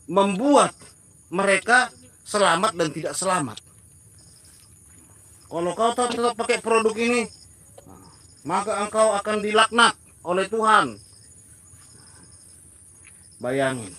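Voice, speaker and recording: A man's voice: high voice, sharp tone, dry recording. A male evangelist giving emphatic preaching commentary, often turning to his listeners as brothers and acting out mocking dialogues.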